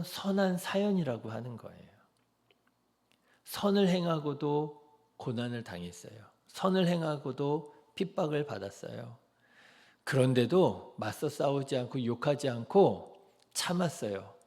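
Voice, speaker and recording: Male pastor, mid-range gravelly voice, sermon delivery that questions the congregation and softens for quoted prayers. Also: mid-range voice.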